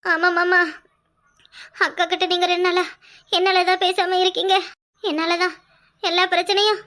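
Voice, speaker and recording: A faint, tearful young village wife from a cartoon, as a woman plays her, pleading in broken, halting phrases with a Kanyakumari Tamil accent. Her voice is very high and bright. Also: flat delivery.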